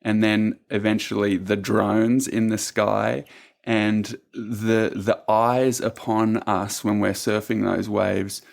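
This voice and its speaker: Thoughtful low-voiced co-host. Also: male voice, level tone, takes it slowly, creaky. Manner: thoughtful, searching for words. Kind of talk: casual conversational reply.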